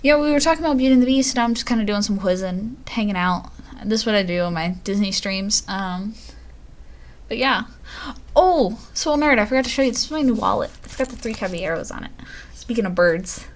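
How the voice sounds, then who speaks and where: A woman's voice: medium pitch, expressive, a little fast. A woman streamer chatting casually on a live stream, rambling and poking fun at herself. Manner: chatty, self-deprecating, rambling.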